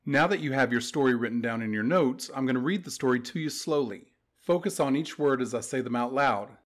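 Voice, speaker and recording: A man teaching a beginners' language class, giving clear, patient step-by-step directions in a scripted voice-over. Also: mid-range voice, fairly quick. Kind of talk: scripted instructional narration.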